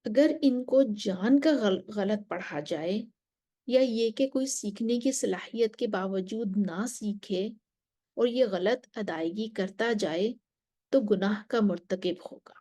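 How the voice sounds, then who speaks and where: Lady teacher doing a slow careful recitation lesson, warm mellow tone. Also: medium pitch. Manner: slow, measured explanation with Arabic recitation. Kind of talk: religious lesson.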